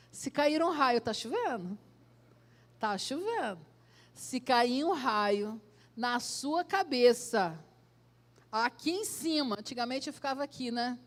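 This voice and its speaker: A woman pastor with a Brazilian accent preaching a sermon in a church, asking direct questions and swelling loud then dropping soft. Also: high-pitched. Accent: Brazilian Portuguese.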